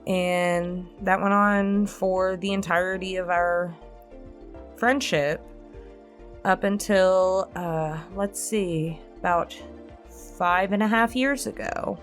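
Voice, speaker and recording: Taking it slowly in a steady, fairly low voice, a late-twenties woman who runs an ASMR channel answers subscriber questions with candid, casual chat. She rambles through personal stories, chuckling softly now and then, over instrumental background music.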